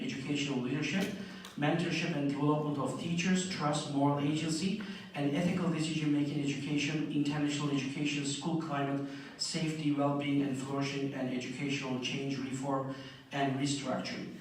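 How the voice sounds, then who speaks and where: A man's voice: a little high, slight background noise. A man hosting a conference, introducing the keynote speaker and reading his bio aloud, stumbling over the name. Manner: apologetic, stumbling over names. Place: large hotel auditorium. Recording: very echoey hall from far off.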